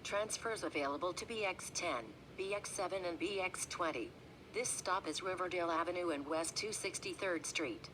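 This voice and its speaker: Low-ish woman's voice doing automated bus stop announcements, flat clipped readout, engine rumble behind, noisy. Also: moderate pace. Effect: bus stop announcement over the onboard speaker. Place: inside a moving city bus. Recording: noisy recording inside a bus. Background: engine rumble and road noise.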